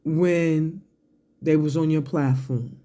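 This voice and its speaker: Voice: medium pitch, fairly even intonation, slow, warm tone. A person delivering a confrontational, profane online rant, drawing words out emphatically one at a time. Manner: sipping a drink between phrases, coughing and clearing throat.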